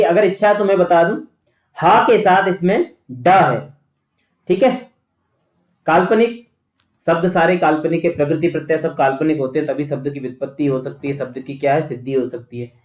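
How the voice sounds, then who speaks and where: A man's voice: sits high, darkish tone, roomy sound. A man teaching an exam-prep lecture, explaining step by step and often checking in with his listeners. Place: away from his usual studio.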